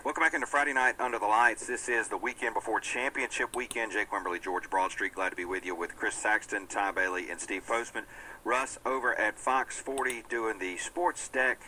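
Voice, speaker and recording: A man's voice: fairly low pitch, bright, forceful tone, a little hiss or hum, rough recording. A man hosting a live sports show, upbeat and self-deprecating in his banter. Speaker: sports radio host.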